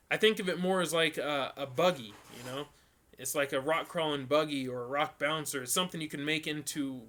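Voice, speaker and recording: Bright-voiced man rambling through live chat questions. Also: a little high. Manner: relaxed, rambling, many ums and restarts. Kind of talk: casual live stream Q&A.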